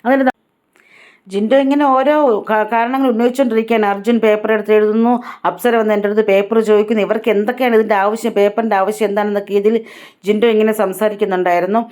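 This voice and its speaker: A woman vlogger talks through a reality show episode at a rapid clip in a middle-pitched voice. She keeps her retelling chatty and casual, with frequent tag words, as she lays out who said what. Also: fairly even intonation, a little mellow. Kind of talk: casual episode recap narration.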